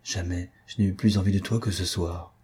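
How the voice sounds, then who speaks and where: Playful young count, teasing, affectionate, read by a man, low husky voice. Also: animated, normal speed, warm tone. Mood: tender.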